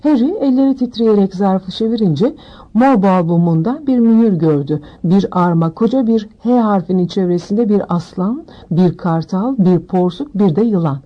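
A woman narrating an audiobook in a steady, measured reading. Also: medium pitch, dull audio.

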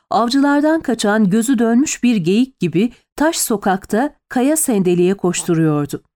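A woman reading a dramatic story as an audiobook narrator, steady and measured. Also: on the high side. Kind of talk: scripted narration.

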